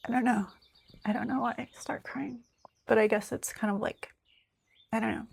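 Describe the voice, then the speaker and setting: Gravelly, husky woman musing aloud. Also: a little high, steady tone, moderate pace. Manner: candid, rambling, swears freely; thinks aloud with many fillers. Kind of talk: casual spiritual monologue, reading notes aloud.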